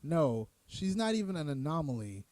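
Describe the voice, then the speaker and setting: A man's voice: a little high, sing-song, normal speed, a little mellow, dry recording. Heated man ranting on a show. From United States. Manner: heated, emphatic, repetitive, profane. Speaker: show host. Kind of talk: opinion commentary rant.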